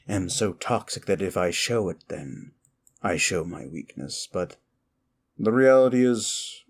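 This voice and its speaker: Here an audio roleplay performer plays an immortal male demon, wicked and contemptuous yet secretly conflicted, in an ASMR monologue aimed at the listener. The voice is very deep, low and gravelly. His heavily acted delivery stays theatrical and brooding, slow and deliberate, with dramatic pauses.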